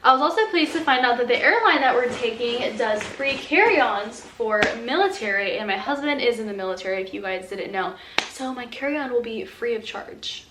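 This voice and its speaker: A woman's voice: a little high, noisy background. A young woman vlogging in a casual, chatty way, peppering her talk with "like", recorded at home. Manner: chatty, fills speech with "like". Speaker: lifestyle vlogger. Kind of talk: casual chat to camera. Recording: echoey room.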